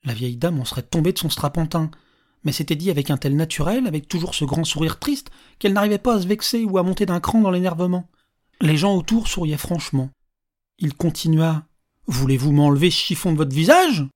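A narrator reading a story aloud in a calm, measured audiobook style. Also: mid-range voice.

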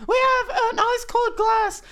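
A man playing a goofy young male burger-joint worker, in an improvised comedy sketch, with a high squeaky put-on voice and a bubbly, flustered manner. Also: little pitch movement, a little slow, creaky, bright, forceful tone, full character voice. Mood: chatty.

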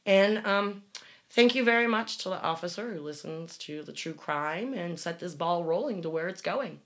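A woman's voice: lowish voice, animated, normal speed. Emphatic, rambling woman podcast host. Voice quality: smoker's cough. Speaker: true crime show host. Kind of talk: casual podcast talk.

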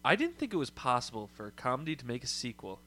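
A man chatting casually with friends on a podcast, his voice bright and forward. He tells stories with growing excitement and laughs through the funny parts. A faint hum runs under the recording. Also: medium pitch, fast talker. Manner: animated storyteller, laughs while retelling scenes. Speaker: podcast co-host. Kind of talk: casual chat.

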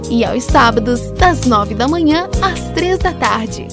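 A woman's voice: sits high, expressive, slow pace, music in the background. A woman with a Brazilian Portuguese accent reading scripted phone greetings and menu options as an announcer, in a polite customer-service delivery.

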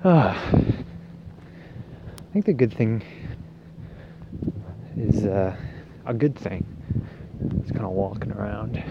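A man with a low voice talks casually and hesitantly, his speech a little puffy-cheeked after having wisdom teeth out. He meanders in a laid-back way, as if walking and thinking aloud. The phone recording is dull and swamped by loud outdoor noise. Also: expressive, slow pace, long pauses. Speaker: solo podcast host. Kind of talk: casual rambling walk-and-talk monologue. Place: outdoors walking on a residential street. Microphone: handheld phone. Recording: noisy outdoor phone recording, wind, passing cars.

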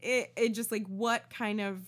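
A woman's voice: medium pitch, a little slow. Laughing woman podcast co-host. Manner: laughs easily, excited, riffs on jokes. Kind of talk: casual chat.

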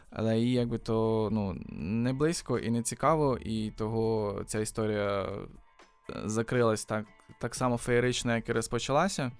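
Male guest musician, mid-pitched, thinks aloud, lots of restarts, faint music behind. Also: smooth. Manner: thoughtful, hesitant, many fillers and restarts. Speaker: podcast guest, rapper and songwriter. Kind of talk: casual interview chat.

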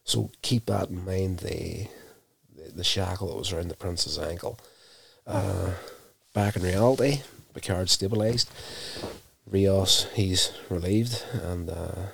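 A man casually recapping a TV episode, telling it in an unhurried, self-correcting way. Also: deep voice, creaky, fairly bright tone, a little hiss or hum.

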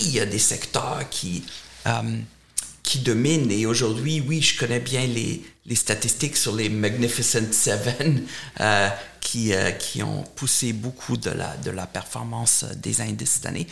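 A middle-aged man from Germany speaking French as a second language with a German accent, answering interview questions in a halting way, often repeating words. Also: mid-range voice, vocal fry, a bit bright. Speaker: portfolio manager, interview guest.

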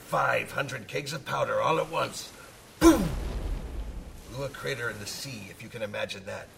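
An actor playing a gruff, hearty old sailor who savors short phrases as he spins dramatic tales of the sea. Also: medium pitch, a little fast, bright, forceful tone, recorded from a distance, slight background noise. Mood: grave storytelling. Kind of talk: dramatic audio storytelling.

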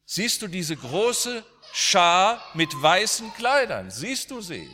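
A man's voice: high voice, very animated, takes it slowly, bright, forceful tone, slight background noise, voice pushed up, heavily acted. A man doing a dying teenage boy in awe. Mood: awestruck. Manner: pleading, wondering, raised voice. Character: dying fifteen-year-old boy, calm and awestruck. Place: church. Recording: long church reverb.

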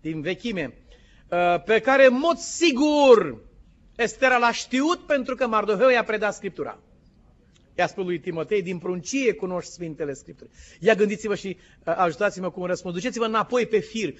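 A man's voice: high voice, lively intonation. A man preaching a sermon as pastor, impassioned and quizzing his congregation. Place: church in the United States. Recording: dull lo-fi recording.

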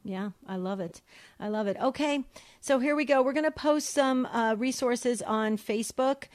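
Hosting a call-in radio show, a woman with a New Jersey accent rushes through questions and announcements in a brisk, upbeat way. Her voice is on the high side, captured in clean studio sound without echo.

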